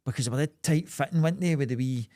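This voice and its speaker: A man's voice: mid-range voice, very fast, dark tone, no room sound, clean studio sound. Sweary, jokey Scottish man bantering on a podcast. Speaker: podcast co-host. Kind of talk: casual comedic banter.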